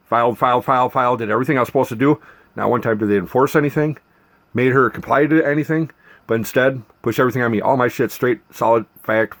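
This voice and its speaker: A man giving an unscripted personal rant to document a grievance, emphatic, repetitive and full of swearing. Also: mid-range voice. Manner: aggrieved, profane, emphatic, repetitive.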